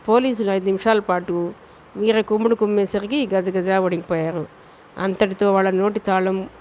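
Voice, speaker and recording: A woman reading a novel aloud as an audiobook narrator, in steady storytelling narration. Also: mid-range voice, a little hiss or hum.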